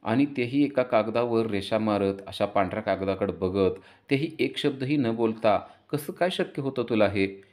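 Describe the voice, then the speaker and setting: A man's voice: on the low side, moderate pace, a little mellow, close to an everyday voice. A jolly, chatty father, as a man puts him on. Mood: jovial. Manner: chatty, joking, teasing. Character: jovial, talkative middle-aged father.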